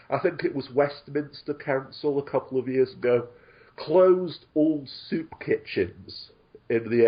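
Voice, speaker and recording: A man's voice: mid-range voice, lo-fi sound. A man talking on an online show, sarcastic and indignant, swearing freely as he rants. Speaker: guest commentator. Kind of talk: casual online talk show discussion.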